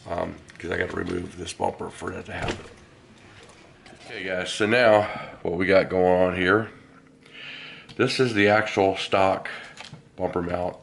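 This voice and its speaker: Hoarse low-voiced man with a head cold. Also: moderate pace, a little hiss or hum. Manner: relaxed, rambling, filler-heavy explaining. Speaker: host of a hobby garage channel. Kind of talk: casual how-to demonstration.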